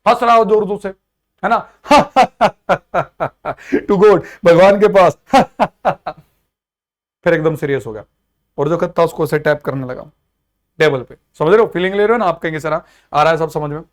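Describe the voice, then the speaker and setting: A man's voice: a little high, animated, quick pace. A young man teaching an exam-prep lesson, mixing Hindi and English, explaining with energy and acting out the characters.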